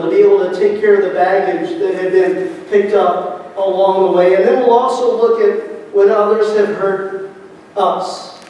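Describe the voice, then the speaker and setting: A man's voice: sits high, a little mellow. A man preaching a sermon as pastor, speaking conversationally and often asking the congregation rhetorical questions. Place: church sanctuary. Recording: echoey hall, distant mic, faint noise.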